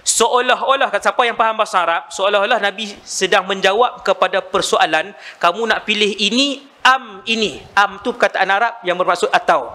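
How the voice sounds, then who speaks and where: A man preaching a storytelling sermon, animated, with many rhetorical questions to the audience. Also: high voice, a little fast. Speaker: religious preacher.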